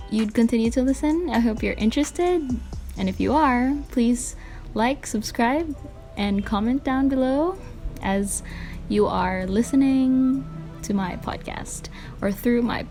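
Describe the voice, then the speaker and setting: A woman hosting a casual solo podcast at home at night, answering listener questions in a soft, earnest way with frequent ums, captured on a handheld voice recorder. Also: on the high side. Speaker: podcast host.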